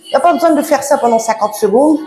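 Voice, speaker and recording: A woman's voice: high voice, quick pace, dark tone. A woman coaching a home workout, chatty and encouraging, laughing often and slightly out of breath. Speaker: fitness coach. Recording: echoey room with background music.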